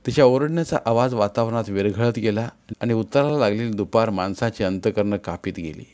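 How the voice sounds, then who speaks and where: A man narrating a story in a measured, steady storytelling manner. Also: on the low side. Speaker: audiobook narrator.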